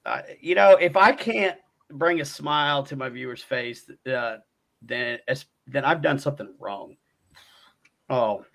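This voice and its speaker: Gravelly bright-voiced jokey male host. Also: medium pitch, unhurried. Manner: jokey, playful, laughs easily. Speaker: show host. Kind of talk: casual online talk show.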